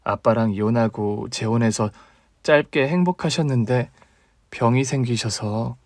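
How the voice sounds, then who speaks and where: A man voicing a caring older sister in a radio drama reading, calm and consoling in a low, quiet tone. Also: unhurried, no echo, clean studio sound, lightly acted. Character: young woman, steady caring older sister.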